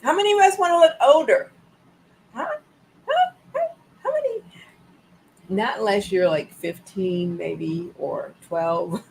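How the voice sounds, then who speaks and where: A woman in her sixties hosts a casual wellness live stream, repeating her points, addressing viewers and breaking into bursts of laughter in an animated manner. Her mid-range voice has vocal fry and a measured pace with long pauses. The live-stream setup gives low-quality audio with a slight hiss or hum.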